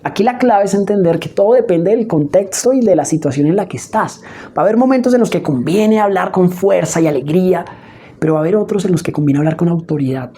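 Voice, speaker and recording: Brief: female speech coach, mellow and slightly husky, lively demonstrative delivery. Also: on the low side, fast talker. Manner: expressive, demonstrates emotions with her voice; frequent checking "¿sí?" asides. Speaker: voice and public speaking coach. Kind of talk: spoken lesson.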